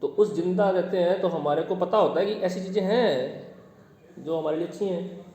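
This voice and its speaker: This classroom lecture comes from a man with a high, dark voice speaking at normal speed, patiently explaining and firing questions at the class. The audio is dull, and the room echoes with long reverb.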